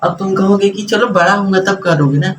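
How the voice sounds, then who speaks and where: A man's voice: high-pitched, brisk, slight background noise, poor audio. A young man teaching a class in a chatty, lecturing way, mixing English words into his explanations.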